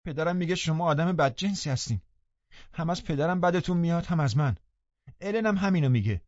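A man's voice: a little high, animated, darkish tone, no room sound, lo-fi sound, pitched above the performer's own voice, natural voice. A man voicing a proud, defiant teenage girl in a storybook reading.

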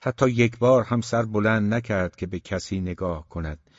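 A man narrating a novel as an audiobook in a measured, grave storytelling tone. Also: on the low side, no room sound. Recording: dull, dry recording.

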